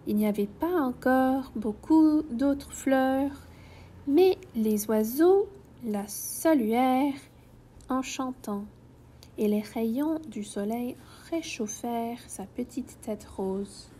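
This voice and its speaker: Woman reading a kids storybook, high lively voice, slow and gentle, mellow. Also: a little hiss or hum. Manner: gentle and expressive.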